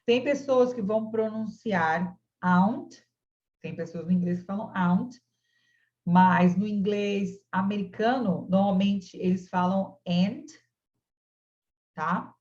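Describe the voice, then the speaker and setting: A woman's voice: mid-range voice, unhurried, a little mellow, lo-fi sound. A woman from Brazil teaching an online English class, patiently and encouragingly modelling words for her students over a video call.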